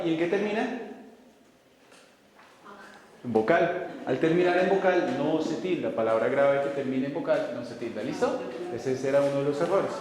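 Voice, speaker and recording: A man's voice: fairly high pitch, darkish tone. A man teaching a class, walking students through rules and often stopping to check they follow. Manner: keeps checking in with students, questioning tone. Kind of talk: classroom lecture. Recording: very echoey hall with faint noise.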